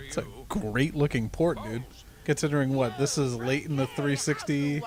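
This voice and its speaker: A man's voice: mid-range voice, normal speed. A man in his twenties co-hosting a casual gameplay commentary with sarcastic, joking banter. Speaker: gaming co-host. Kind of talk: casual let's-play commentary. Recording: noisy home mic recording.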